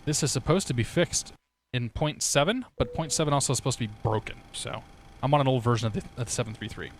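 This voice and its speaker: A man's voice: mid-range voice, quick pace, slight background noise. A young man streaming a flight simulator, chatting casually with viewers, laughing and swearing now and then. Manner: laid-back, swears casually, laughs often. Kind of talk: casual livestream chat with viewers.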